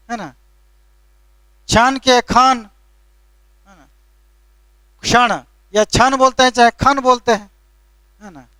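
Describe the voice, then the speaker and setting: A man's voice: very high-pitched, pushed and bright, clear, resonant tone, no echo. A male teacher lecturing a classroom, checking in with a constant tag question and lightly scolding needless spellings. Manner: keeps adding the tag question "है ना?".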